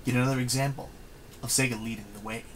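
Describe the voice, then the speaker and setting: A man giving an energetic, playful YouTube rant about retro game consoles. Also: mid-range voice, quick pace, a little hiss or hum, rough recording. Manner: hyped, emphatic, playful. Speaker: guest video maker.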